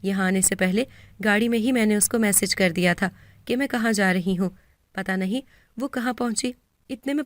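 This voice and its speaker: A woman with a Pakistani Urdu accent narrating a first-person moral story in a steady, earnest way. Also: mid-range voice, no room sound.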